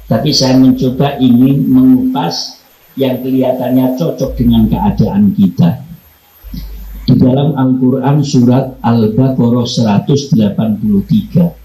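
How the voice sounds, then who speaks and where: Javanese-accented guy preaching, slow and patient, reciting arabic verses, roomy echo. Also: medium pitch, fairly even intonation, warm tone. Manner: slow and explanatory, quotes Arabic verses and acts out everyday examples. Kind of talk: religious study talk. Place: room at a company religious gathering. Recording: echoey room.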